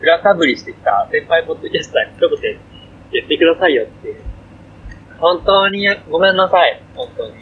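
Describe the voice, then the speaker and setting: A man's voice: on the high side, lively intonation, fairly quick, phone-quality sound, slight background noise. A young man co-hosting a casual podcast livestream, rambling and apologetic, slipping into a Kansai accent. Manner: rambling, self-deprecating, slips into Kansai dialect. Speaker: podcast co-host.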